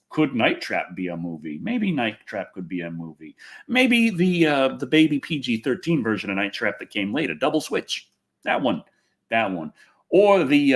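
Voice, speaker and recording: A livestream host and film reviewer chats casually in a husky voice, his pitch jumping around a lot. He rambles excitably, repeats phrases and swears freely.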